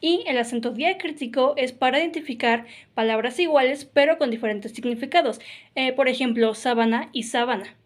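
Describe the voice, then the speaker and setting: A woman teaches a grammar lesson in a fairly high voice. She explains patiently, step by step, and often adds "ok?" or "claro" to check that her listeners follow. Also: a little fast. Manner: explanatory, frequent "ok?" and "claro" fillers.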